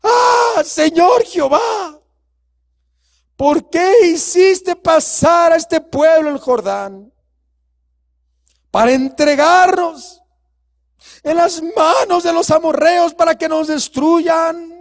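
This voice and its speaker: A man acting out an anguished male biblical leader, lamenting to God in a high, drawn-out, shouted voice. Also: big-room sound, heavily acted. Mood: anguished wailing.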